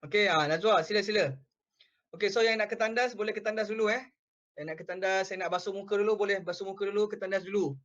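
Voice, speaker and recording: A young man teaching a relaxed language class, explaining phrase by phrase and repeating words slowly. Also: high voice, dull audio. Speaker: Mandarin language tutor.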